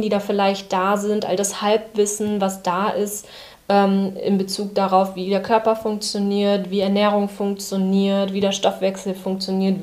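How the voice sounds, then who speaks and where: A woman coach giving a calm, explanatory live talk, speaking directly to the viewer. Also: medium pitch.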